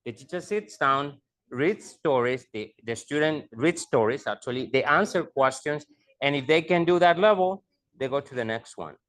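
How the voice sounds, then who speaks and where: A man's voice: fairly high pitch, animated, unhurried, fairly bright tone. A middle-aged man, a school leader, explaining things to parents and repeating his points in two languages. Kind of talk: bilingual presentation to parents.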